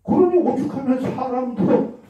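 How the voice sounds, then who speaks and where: A man's voice: very high voice, unhurried, dark tone. A man giving an explanatory lecture on communication, checking in with his listeners as he goes. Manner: explanatory, checks in with listeners, acts out example lines. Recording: very echoey, distant, dull lo-fi.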